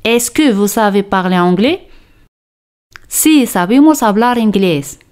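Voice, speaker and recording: Woman teaching french really slow, says each phrase twice, steady mid voice. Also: medium pitch, clear, resonant tone. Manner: slow, deliberate, repeats phrases for drilling. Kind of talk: slow scripted language lesson.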